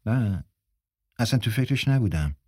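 A man's voice: lively intonation, dark tone, husky, no room sound, clean studio sound. A man voicing brooding young man Dalan. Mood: sullen. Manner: gloomy, low-key. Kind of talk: audiobook dialogue reading.

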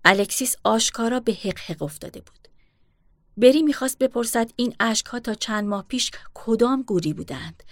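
A woman reading a novel aloud in a steady, measured way as an audiobook narrator. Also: a little high, no room sound, clean studio sound. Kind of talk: scripted narration.

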